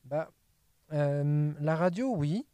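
A man with a slightly high but mellow voice, talking in a relaxed conversation. He repeats words and fills pauses often. The recording is dry and close. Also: clean tone, dry recording. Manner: hesitant, many repeated words. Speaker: linguist. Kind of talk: casual conversation with many fillers.

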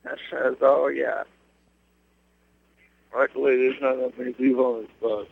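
A man's voice: mid-range voice, fairly even intonation, measured pace, vocal fry, no room sound. Man on a choppy, breaking-up phone line. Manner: loose, slangy banter, calls people dude. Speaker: caller phoning in to a live show. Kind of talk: casual phone chat. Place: on a moving bus. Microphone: cell phone.

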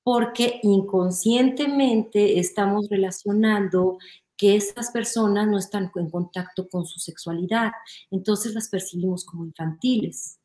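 An adult woman and mother with a Mexican accent, appearing as an image consultant guest in a conversational interview, explains things in an animated way and often checks in with "¿no?". Her voice is mid-range and unhurried, and the recording has a roomy echo.

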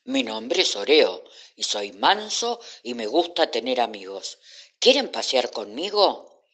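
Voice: mid-range voice, a little slow. A narrator doing Oreo, a friendly tame cat. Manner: calm, friendly and inviting.

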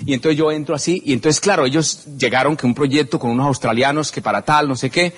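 A man telling an animated story to an audience at a business event, acting out the scenes and calling out to the crowd. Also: mid-range voice, quick pace. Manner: expressive, acts out scenes and shouts.

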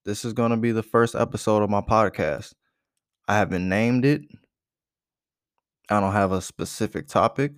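A man's voice: lowish voice, dry recording, clean studio sound. A man in his thirties from Ohio, hosting his own podcast and talking casually about his life with many filler words. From Ohio, USA. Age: 30s. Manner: rambling, many "um" fillers, relaxed and candid. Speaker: podcast host. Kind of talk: casual solo podcast monologue.

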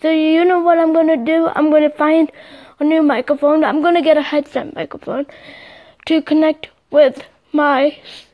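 A young woman with a bright, high voice talks on her own podcast in a loose, rambling way, filling gaps with "like" and "um". She records into her phone's microphone. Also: steady tone, normal speed, highs cut off. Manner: rambling, chatty, lots of fillers. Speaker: podcast host. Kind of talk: casual solo podcast chat.

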